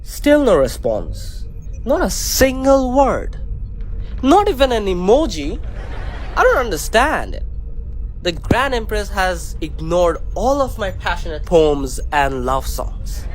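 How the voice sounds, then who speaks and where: Captain Jarek, a pompous space captain. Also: male voice, sits high, sing-song, slow, faint music behind, heavily acted. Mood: lovesick. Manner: pompous, dramatic, lovesick whining. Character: vain self-proclaimed legendary male space captain. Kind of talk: comedy audio drama acting.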